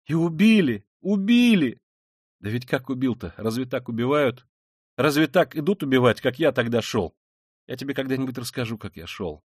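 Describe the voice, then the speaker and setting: A tormented, feverish young man, proud and brooding, who lurches from fierce outbursts to low mutters, as a male reader voices him. The storybook reading is dry and close-miked, in a mid-pitched voice. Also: darkish tone, no room sound, close to an everyday voice. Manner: intense, brooding, swings between outbursts and mutters. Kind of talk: dramatic audiobook reading.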